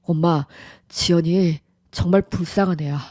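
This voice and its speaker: An earnest young man who pleads and pushes back, voiced by a synthetic voice. The delivery is steady, and the sound is close and dry. It carries the clean feel of a studio audio drama. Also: on the high side, normal speed, no room sound, close to an everyday voice. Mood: pleading. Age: young adult. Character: earnest young man defending his fiancée. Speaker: son in love.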